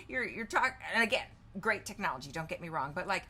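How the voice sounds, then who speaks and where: Speaking fairly quickly in a lowish, sing-song voice with a sharp edge, a woman in her 50s chats to camera amid slight background noise. The vlogger is demonstrating something casually, thinking aloud while typing and reading screen answers out loud.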